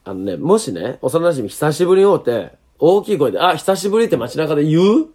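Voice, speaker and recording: A man's voice: a little high, very animated, a little fast, dark tone, slightly rough. A man with an Okayama accent, a comedian in comedy talk-show banter, ranting bluntly and arguing his point. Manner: blunt ranting in western Japanese dialect.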